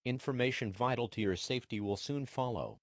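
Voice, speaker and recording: A man's voice: medium pitch, dry recording, studio quality, natural voice. A man playing an emergency alert system announcer, delivering a formal official warning. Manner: flat, official, deliberate.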